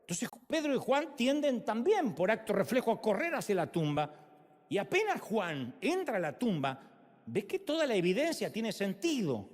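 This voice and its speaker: A man preaching a sermon as an evangelist, telling the story with animated humor. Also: high-pitched, normal speed. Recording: long hall reverb.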